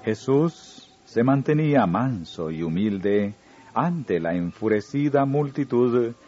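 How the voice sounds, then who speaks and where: A man reading a religious story aloud in a slow, solemn narrating manner. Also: medium pitch, lively intonation, a little mellow. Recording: dull lo-fi recording with faint music.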